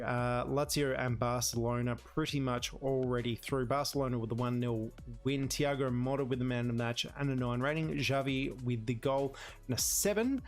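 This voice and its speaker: A man commentates casually on a football management game, reading out results in a conversational way with wry exclamations. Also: medium pitch. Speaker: host of a gaming series.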